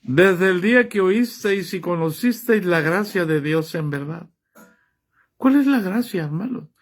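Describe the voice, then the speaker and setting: A man preaches a sermon, reading scripture aloud, commenting on it, and pressing his listeners with rhetorical questions. His voice sits high, with lively intonation and an unhurried pace.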